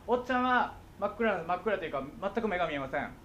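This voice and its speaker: A man's voice: high-pitched, sing-song, fast, a bit bright, lo-fi sound, a little hiss or hum. A middle-aged man with a Kansai accent, giving a playful, jokey talk to schoolchildren as a guest speaker and often checking that they follow. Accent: Kansai Japanese. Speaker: guest speaker on visual impairment.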